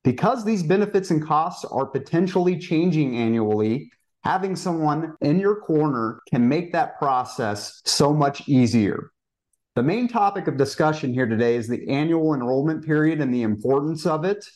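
Mid-pitched man, polished podcast guest. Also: darkish tone. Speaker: podcast guest, financial professional. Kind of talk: measured, polished podcast advice.

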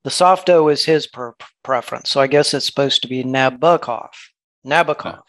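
A man co-hosting a podcast, talking about a novel in a measured, thoughtful way. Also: medium pitch, a bit bright, no room sound. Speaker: podcast co-host. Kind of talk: casual literary discussion.

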